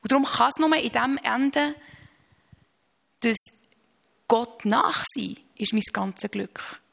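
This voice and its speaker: Earnest woman with a gravelly voice. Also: fairly high pitch, a bit bright. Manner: earnest, slow on key phrases, halting restarts. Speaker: interview guest. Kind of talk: reflective faith testimony.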